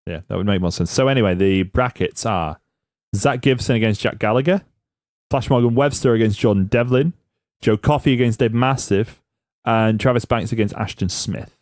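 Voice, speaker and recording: A man's voice: on the low side, normal speed, darkish tone, dry recording, clean studio sound. A man hosting a casual wrestling podcast, joking around and quizzing his co-hosts. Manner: banters and quizzes co-hosts, jokey. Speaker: podcast host.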